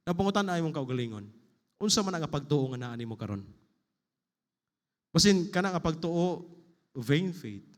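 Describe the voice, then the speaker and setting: Male pastor preaching in a church. Slightly high voice, long hall reverb, scripture read in English between Cebuano preaching. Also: expressive, moderate pace, long pauses. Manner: rising emphatic delivery on lists. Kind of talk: sermon. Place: church sanctuary.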